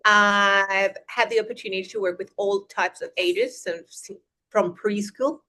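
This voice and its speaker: Speaking a little slowly in a bright, forceful, steady mid-range voice, a young Colombian woman who teaches English walks through her career in a relaxed video-call interview. She's chatty, often restarting and saying "eh."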